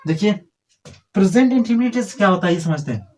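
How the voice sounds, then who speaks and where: A man's voice: sits high, expressive, fast, a little mellow. A man teaching a grammar lesson to a class, drilling and correcting pupils in a scolding, repetitive way.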